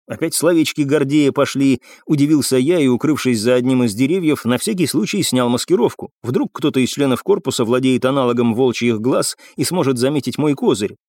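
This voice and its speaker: A man narrating an audiobook in an expressive, measured reading style. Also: mid-range voice, no echo, studio quality. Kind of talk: scripted narration.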